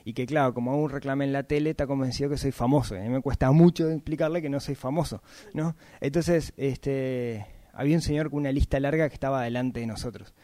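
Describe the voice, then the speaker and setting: A man, giving a casual, chatty talk about podcasting and often tagging his points with quick questions. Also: mid-range voice, fairly even intonation, warm tone, no room sound. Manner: chatty, frequent tag questions.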